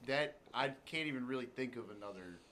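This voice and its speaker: A man talking animatedly in a group podcast chat, swearing freely and pressing his points. His pitch is ordinary, with a faint hum of room noise behind him. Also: fairly quick. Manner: animated, profane, emphatic. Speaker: podcast co-host.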